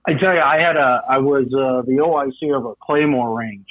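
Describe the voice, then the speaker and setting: A middle-aged man, a coin dealer guest, telling animated stories with lots of fillers and acted-out voices. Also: medium pitch, brisk, dry recording. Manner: animated storyteller acting out voices, frequent fillers. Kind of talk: storytelling in casual interview. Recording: tinny phone-like dry line.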